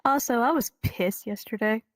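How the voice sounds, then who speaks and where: A woman's voice: on the high side, normal speed, no room sound. Rambling woman chatting in a dry recording. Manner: rambling, full of fillers and restarts. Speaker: roleplay streamer. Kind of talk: casual chat during roleplay game.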